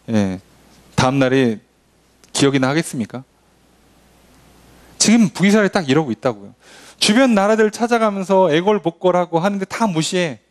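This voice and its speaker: A male pastor leading a midweek Bible study, teaching in a conversational, animated way and acting out quotes. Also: a little high. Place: church.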